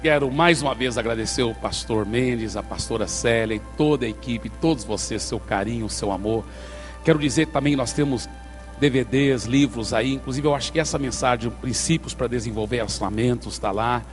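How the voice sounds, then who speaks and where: A man's voice: medium pitch, fairly quick, faint music behind. A man preaching a sermon as pastor, telling a story with energy and calling out to the congregation in a church hall.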